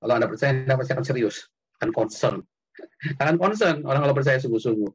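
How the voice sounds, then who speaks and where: A man hosting an online call-in, preaching casually and answering a caller with animated, lively delivery. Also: fast talker, slightly rough. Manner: animated, jumps high when quoting or shouting. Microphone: computer mic on an online call.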